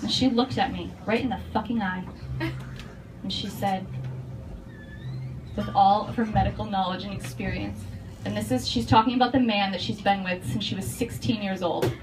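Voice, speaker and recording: A woman comedian telling a stand-up story, animated and profane, bursting into loud shouts. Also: medium pitch, normal speed, pauses often. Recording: distant mic, noisy.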